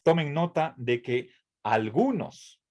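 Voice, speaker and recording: Slow and sing-song, his medium-pitched voice has a slightly mellow quality. The man, a university lecturer, works through a tutoring lecture hesitantly, full of fillers and restarts, repeatedly asking "¿sí?" to confirm the students keep up.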